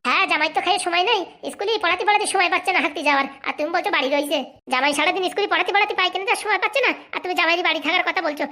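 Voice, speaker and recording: A woman voicing a sharp-tongued middle-aged housewife in a comedy cartoon, scolding with quick retorts. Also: extremely high pitch. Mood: bickering.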